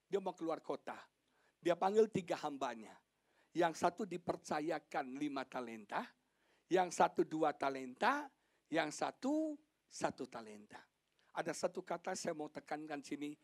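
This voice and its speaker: A man preaching a sermon as pastor, animated, swinging from loud exclamations to quiet emphasis, with joking asides. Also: a little high.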